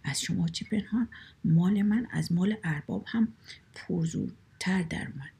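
Woman narrator, storybook reading, wry and conversational, very gravelly, breathy. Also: on the low side, warm tone.

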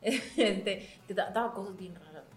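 A woman's voice: mid-range voice, a little slow, roomy sound. Laughing Mexican woman podcast co-host. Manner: laughing, swearing, lively storytelling. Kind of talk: casual podcast chat.

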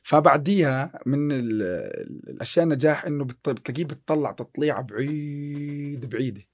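In a slightly high, expressive voice at a fairly quick pace, a chemistry teacher talks as a guest on a podcast. The chat is casual, covering success and faith, and he quotes scripture while restarting many times.

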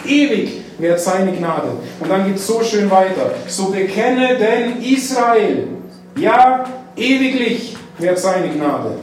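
A man preaching a sermon, dwelling on key phrases with drawn-out emphasis. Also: high-pitched, lively intonation. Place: church hall. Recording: echoey church hall, mic at a distance.

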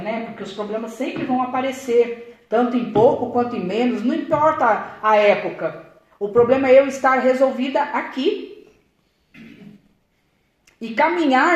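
A woman's voice: fairly high pitch, echoey room. An older woman, preaching a testimony-style sermon. She keeps addressing the congregation as brothers and acts out remembered conversations. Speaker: church preacher. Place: church.

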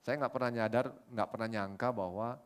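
A man's voice: mid-range voice, fairly quick. A middle-aged man preaching a sermon at a church service, telling a story and acting out the lines of the people in it. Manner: storytelling, animated, acts out quoted dialogue.

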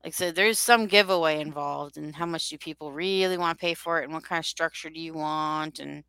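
A woman hosting a podcast talks in a casual, rambling way. Her voice sits a little low yet sounds bright and smooth. It is recorded close and dry, with no room sound. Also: a little fast, dry recording, rough recording. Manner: chatty, rambling, loosely shaped sentences. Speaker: podcast host. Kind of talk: casual chat.

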